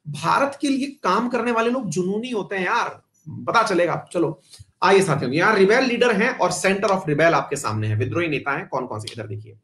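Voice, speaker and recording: High-voiced chatty male teacher. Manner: chatty, addresses students warmly and often; mixes English terms into his talk. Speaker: exam-prep teacher. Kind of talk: live online history class.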